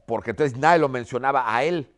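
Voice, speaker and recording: A man's voice: mid-range voice, fairly quick. A man, a history teacher, giving a vivid storytelling lesson and often checking in with "¿ok?". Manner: keeps adding "¿ok?" as a check-in; vivid, animated retelling.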